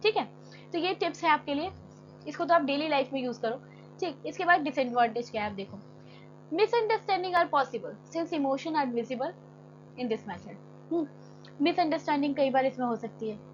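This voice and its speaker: Woman teacher with a high voice. She reads lines slowly, then explains them chattily. The recording is dull and lo-fi, with a faint hum. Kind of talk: classroom lecture.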